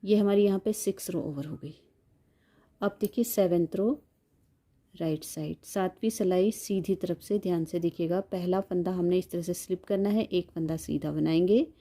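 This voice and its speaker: Dark-voiced woman teaching knitting. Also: fairly low pitch, steady tone. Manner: slow, patient, counts stitches aloud. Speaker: knitting instructor. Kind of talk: step-by-step knitting tutorial.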